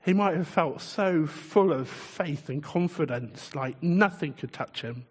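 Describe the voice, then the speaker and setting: A man preaching a sermon in a relaxed, conversational way, chuckling often and putting questions to his listeners. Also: a little high, measured pace, breathy edge, long reverb tail.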